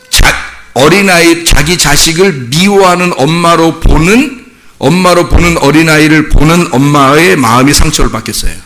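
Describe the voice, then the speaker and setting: Animated pastor, bright and lively. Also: male voice, on the high side. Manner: conversational, animated, acts out dialogue, laughs often. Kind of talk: sermon.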